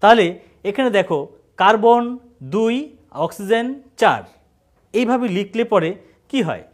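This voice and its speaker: A male science teacher from Bangladesh runs an online class with a voice that sits fairly high for a man. He talks in a halting way, stopping mid-word to restart. He keeps throwing questions at the students and answering them himself.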